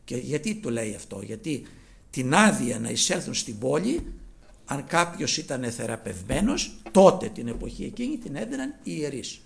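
A man preaching a sermon, moving between loud, impassioned declaiming and low murmured asides. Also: sing-song, creaky.

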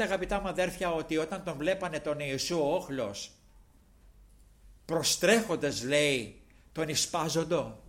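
A man preaching a sermon who swings between loud, impassioned exclamations and quiet, low asides, often breaking off to thank the Lord and to call out to his brothers. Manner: keeps repeating thanks to the Lord and addressing the brothers.

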